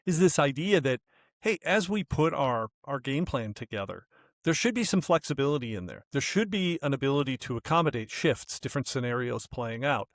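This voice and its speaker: Podcast co-host, male, easygoing chat with restarts, mid pitch, dry close mic. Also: a little fast, no room sound. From US West Coast. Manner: relaxed, thinks aloud with fillers and restarts. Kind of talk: casual conversational podcast talk.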